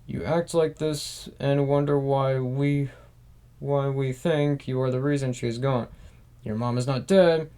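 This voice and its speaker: A man's voice: medium pitch, steady tone, unhurried, dark tone, clear, resonant tone, lightly acted. A man reading out the messages of a cold, manipulative older grandmother in a plain, barely acted voice.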